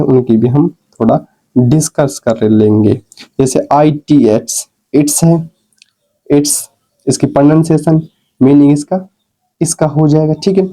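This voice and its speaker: Dark-voiced man teaching English vocabulary. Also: mid-range voice, measured pace, rough recording. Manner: explains step by step, asks and answers his own questions; spells words out letter by letter. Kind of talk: spoken English lesson. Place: recorded while scrolling through on-screen notes.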